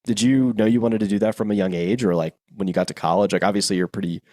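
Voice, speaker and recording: A man's voice: fairly low pitch, steady tone, very fast, darkish tone, no room sound. Enthusiastic male podcast host, dry sound. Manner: enthusiastic, laid-back, says "dude". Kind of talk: casual interview.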